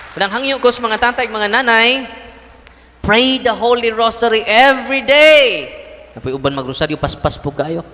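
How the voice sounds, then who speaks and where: Animated Cebuano priest preaching in a hall. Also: male voice, on the high side. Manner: animated storyteller, acts out voices and laughs. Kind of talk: lively preaching with humor.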